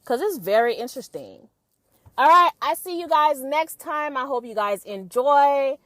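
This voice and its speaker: A young woman talks straight to camera in a loose, chatty vlog monologue, blunt and full of swearing. Her voice sits a bit high for a woman. The sound is dry and close, with no room around it. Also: expressive, moderate pace, fairly bright tone, no echo. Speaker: vlog host. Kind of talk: casual opinion monologue to camera.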